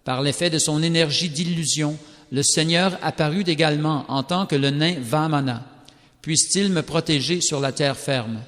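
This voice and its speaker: A man's voice: a little high, normal speed, a bit bright. Solemn man reading scripture, reverberant. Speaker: scripture reader. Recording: long reverberant hall sound.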